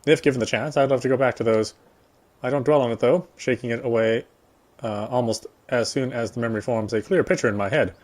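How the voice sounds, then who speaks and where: A gamer reads visual novel narration aloud during a playthrough, occasionally stumbling and going back over a phrase. His voice sits in the mid range, with a steady tone and a slightly quick pace.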